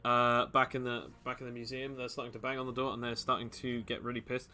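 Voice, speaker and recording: A man narrates as game master in a tabletop role-playing game, laughing often and slipping into quick voices for side characters. His voice is medium in pitch with little pitch movement and a sharp tone.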